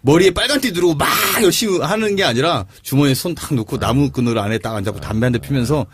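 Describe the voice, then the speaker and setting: A man with a Chungcheong accent, a guest lawmaker on a talk show, telling animated stories and slipping into dialect for laughs. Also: mid-range voice, quick pace, a little hiss or hum. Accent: Chungcheong Korean. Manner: animated storyteller, slips into dialect for jokes. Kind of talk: casual panel chat.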